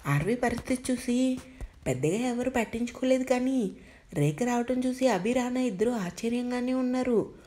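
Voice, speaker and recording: Brief: female storyteller with a slightly high voice, steady and expressive delivery. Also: slight background noise. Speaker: audio story narrator. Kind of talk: storytelling narration.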